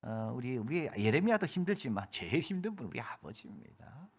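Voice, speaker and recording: A middle-aged male pastor preaching a sermon with a lively, swooping voice. His pitch rises and falls widely from one phrase to the next. He acts out quoted voices and sometimes drops to a hushed whisper to stress a point. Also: brisk, breathy edge.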